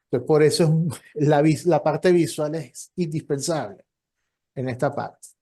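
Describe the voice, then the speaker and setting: A man's voice: fairly high pitch, a little slow, warm tone. A man, a professor and copy editor, giving an online lecture in a conversational, explanatory way, acting out short dialogues along the way. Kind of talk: online lecture with audience questions.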